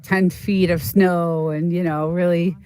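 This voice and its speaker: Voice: mid-range voice, flat delivery, a little slow, darkish tone, clean tone. A livestream host from Boston telling stories in casual, rambling chat with viewers, full of fillers and restarts. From Boston, United States. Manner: rambling, chatty, storytelling with many fillers.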